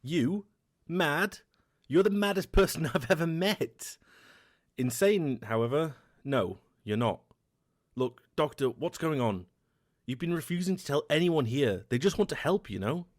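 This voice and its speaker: A man voicing Daniel, a worried and loyal young companion who reasons gently, in an audio drama. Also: on the high side, lively intonation, a little slow, no echo, studio quality. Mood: concerned. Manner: concerned, reasoning, gently firm.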